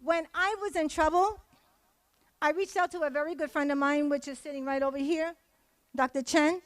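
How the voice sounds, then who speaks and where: A woman testifies as a community member in a heated public speech at a memorial, hammering home her message with repetition. Her voice is high, her intonation fairly even, and her pace moderate. Little echo colors the dry recording.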